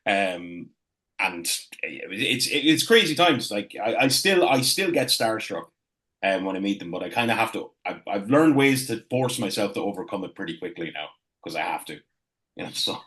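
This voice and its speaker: An Irish man chatting casually as an interview guest, often halting and repeating phrases as he reminisces. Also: fairly low pitch, very animated, a bit bright. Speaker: guest, wrestling ring announcer.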